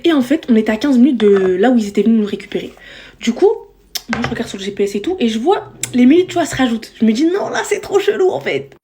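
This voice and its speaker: Fast-talking young woman telling a story. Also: a little high, lively intonation, mellow, a little hiss or hum. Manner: slangy, chatty, addresses viewers directly. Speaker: vlogger. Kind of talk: storytime vlog.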